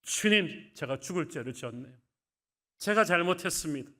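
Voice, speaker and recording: A man's voice: fairly high pitch, lively intonation, normal speed, pushed and bright, pitched above the performer's own voice. Male preacher doing a remorseful man, raised and exclaiming. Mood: anguished. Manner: anguished, exclaiming. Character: grown man crying out in shock and remorse.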